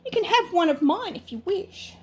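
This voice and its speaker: An older woman, a sweet old lady, voicing a polite, apologetic male polar bear from a storybook, courteous and gently pleading. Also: very high-pitched, expressive, normal speed, voice pushed up. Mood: hopeful, pleading.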